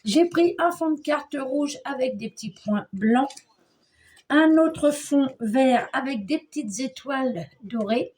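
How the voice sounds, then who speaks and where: A woman's voice: high-pitched, slow pace, a little mellow, a little hiss or hum. An older woman chatting her way through a homely crafting tutorial, describing each step as she works. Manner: chatty, homely, narrates her hands at work. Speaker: scrapbooking crafter.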